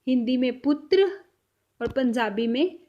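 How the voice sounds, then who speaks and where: Slow, high-voiced woman teaching vocabulary. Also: highs cut off. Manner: repeats each word slowly, trailing off softly. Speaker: language teacher.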